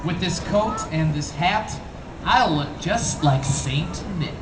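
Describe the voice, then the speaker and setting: A man's voice: fairly high pitch, animated, takes it slowly, far from the mic. A man voicing the Grinch as a sneering, scheming, gleeful old storybook creature, on an echoey PA with music behind. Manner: snarling, gleeful, villainous.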